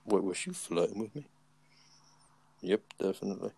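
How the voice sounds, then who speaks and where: Low-voiced British teen lad chatting. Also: male voice, expressive, moderate pace, vocal fry, a little mellow, breathy edge, dry recording. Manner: laid-back, mumbling, self-deprecating. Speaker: friend on a voice call. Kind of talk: casual chat. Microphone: online voice call.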